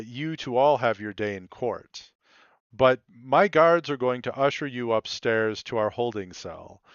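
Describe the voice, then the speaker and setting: A man game master speaks slowly in a smooth, clear voice, pausing often with ums and uhs. The sound is dry and a bit dull, like a modest home mic. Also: mid-range voice, dry recording. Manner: measured, with frequent ums and uhs. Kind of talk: tabletop role-play narration and character voicing.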